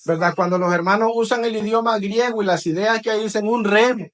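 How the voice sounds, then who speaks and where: Here a high-voiced man preaches fairly quickly, teaching his congregation through call-and-response. His phrases often end in "¿verdad?".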